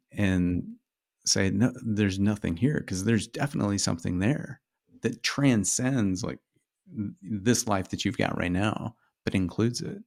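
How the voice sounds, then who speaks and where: A man's voice: fairly low pitch, gravelly, a little mellow. A man co-hosting a podcast, talking casually and hesitantly, often restarting his phrases as he asks his guest to share. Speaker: podcast co-host. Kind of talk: casual conversational interview.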